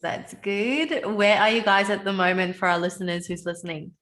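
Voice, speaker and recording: A woman's voice: medium pitch, normal speed, fairly bright tone. A woman with an Australian accent hosting a travel podcast, asking friendly, chatty questions with an occasional "um". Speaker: podcast host. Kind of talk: casual interview chat.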